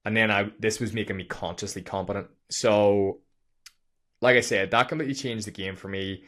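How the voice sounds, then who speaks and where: A young man telling a story on his podcast, energetic and profane, with lots of fillers, speaking into a studio microphone. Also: on the low side, normal speed. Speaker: podcast host. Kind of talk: casual storytelling monologue.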